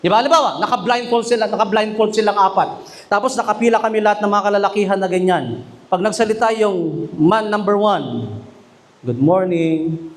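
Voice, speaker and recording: A man preaching a sermon as pastor, mixing English and Tagalog and often asking the congregation questions. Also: high voice. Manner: mixes English and Tagalog, often asks the congregation questions, reads verses slowly. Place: church chapel.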